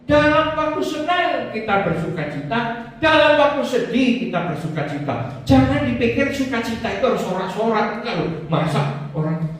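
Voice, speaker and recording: A man's voice: very high-pitched, very animated, normal speed. A man preaching a sermon as a pastor, telling chatty, joking stories and laughing along with them. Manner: chatty, joking storyteller who laughs at his own stories. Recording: very echoey hall, distant mic, faint ambience.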